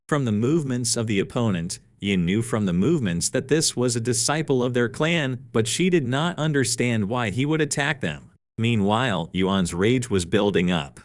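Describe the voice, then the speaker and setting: Male recap narrator, animated intonation, dry close sound. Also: medium pitch, no room sound. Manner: reads quoted lines the same as the narration, with no put-on voices. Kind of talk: flat read-aloud story recap.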